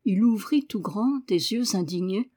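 A woman reads a children's novel aloud, keeping to a measured, even storytelling pace. Her pitch sits in a plain middle range. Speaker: audiobook reader. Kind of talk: scripted narration.

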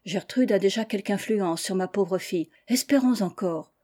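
A woman reading the part of a gentle, sorrowful aristocratic mother who speaks softly and patiently, in a mellow voice. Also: mid-range voice, moderate pace, close to an everyday voice. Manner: soft, soothing, patient.

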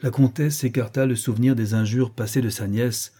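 A man narrating a novel as an audiobook in a measured, even manner. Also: medium pitch, slightly rough.

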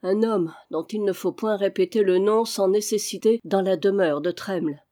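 A woman reading aloud, voicing a loyal old male squire who speaks in hushed, urgent words. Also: mid-range voice, normal speed, natural voice.

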